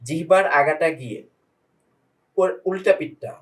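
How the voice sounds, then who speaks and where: A man's voice: on the high side, expressive, moderate pace, fairly bright tone, far from the mic, low-quality recording. A man teaching Quran pronunciation one-on-one, patiently demonstrating single sounds and quizzing his student.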